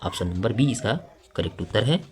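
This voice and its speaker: A man's voice: lowish voice, lively intonation, a little fast. A man teaching a grammar lesson for exam preparation, reading out each question and its options and explaining them step by step with frequent fillers.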